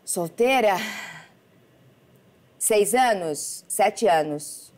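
A middle-aged woman, a guest in a casual interview, talking haltingly with repeated words and acting out quoted dialogue. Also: medium pitch, animated, a little mellow. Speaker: celebrity guest.

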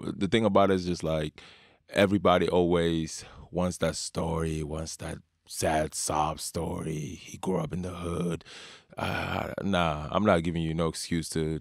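A man in his thirties from Sudan, a basketball player, talking in a relaxed, unhurried way with drawn-out fillers in a studio. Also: low voice, gravelly, no echo. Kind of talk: casual interview talk. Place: home studio with guitars and keyboards. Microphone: studio mic with headphones.

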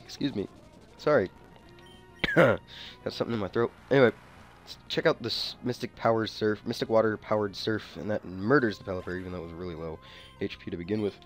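Casual male gamer, lowish voice, informal and slangy, commentating over game music. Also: a little fast. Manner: informal, slangy, thinking aloud. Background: video game music.

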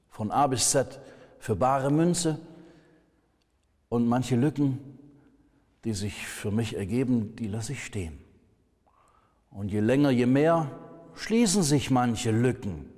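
A man preaching a sermon as pastor, slow and emphatic, letting phrases fall to a soft hush at the ends. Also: medium pitch. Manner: slow, emphatic, dropping to soft hushed endings. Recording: long hall reverb.

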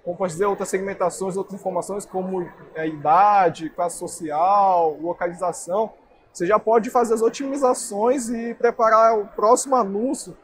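This is a young man's high, steady voice, fairly bright in tone and moderately paced. As an interview guest at an indoor trade fair booth, he earnestly explains marketing over slight background noise.

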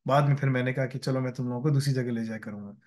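A man's voice: mid-range voice, fairly even intonation, rapid-fire, a little mellow. A man answering interview questions with stories from working abroad, often slipping English phrases into his speech and checking in with "right?". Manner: mixes English phrases into his talk, often asks "ठीक है ना". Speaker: guest speaker on careers. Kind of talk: conversational interview answers with anecdotes.

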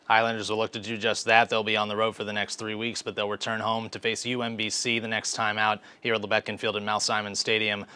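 Young guy doing sports network interviews, quick and bright, pretty monotone. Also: fairly low pitch, smooth. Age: young adult. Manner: brisk broadcaster delivery. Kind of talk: post-game interview hosting. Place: indoor press backdrop. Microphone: clip-on lapel mic.

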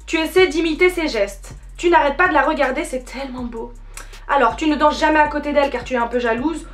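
A woman's voice: high voice, fairly quick, soft background music. A young French woman hosting a dance channel, chatting casually and playfully with lots of fillers and self-mocking jokes. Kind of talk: casual vlog chat.

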